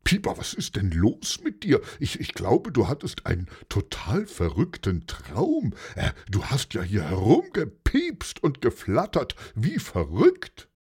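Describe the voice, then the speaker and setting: A man as a gentle, hesitant middle-aged friend. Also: medium pitch, huge pitch swings, a little slow, few pauses, breathy edge, heavily acted. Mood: caring.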